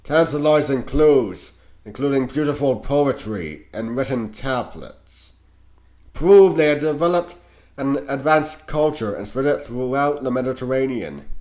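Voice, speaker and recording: Slow-reading man with a stuffy nose. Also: mid-range voice, darkish tone. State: sick with a cold. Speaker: narrator reading on-screen educational game text. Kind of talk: scripted narration, reading aloud.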